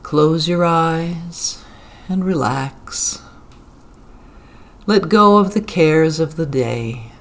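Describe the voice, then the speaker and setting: A meditation guide leading a guided relaxation with calm, gentle phrasing and long pauses between lines. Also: mid-range voice. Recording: clear ambient background noise.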